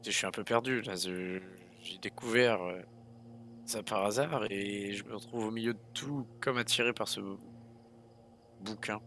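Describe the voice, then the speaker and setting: A man's voice: lowish voice, moderate pace, sharp tone, a little hiss or hum. A man playing in a tabletop game, chatting playfully and speaking as his character. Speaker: player. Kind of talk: casual chat and in-character play in a tabletop game.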